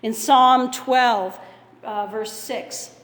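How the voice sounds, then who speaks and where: A woman pastor preaching a sermon in a church sanctuary, measured and earnest, leaning on dramatic pauses. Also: a little high, fairly even intonation, fairly bright tone. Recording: echoey hall with long reverb.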